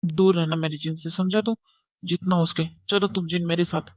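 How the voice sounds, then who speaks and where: A young performer voicing a possessive, jealous young man who gives rough orders in a low put-on voice. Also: fairly even intonation, moderate pace, no room sound, dull audio, lightly acted. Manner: gruff and commanding. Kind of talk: Hindi fan dub drama. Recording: music playing underneath.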